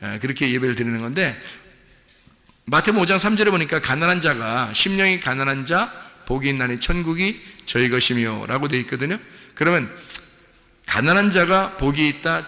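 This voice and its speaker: A pastor preaching in a chatty, conversational way, with a gravelly edge and a bright, forceful tone. He acts out little back-and-forth dialogues as he goes. His voice carries a long reverb from the church hall around him. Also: medium pitch. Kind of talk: sermon. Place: church sanctuary.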